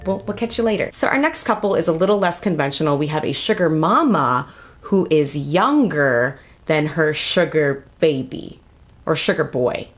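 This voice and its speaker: A woman's voice: low-pitched, moderate pace, soft background music. Sassy, crude woman riffing on clips. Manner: sassy, crude, animated asides. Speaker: comedy vlog host. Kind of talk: sarcastic reality-show commentary.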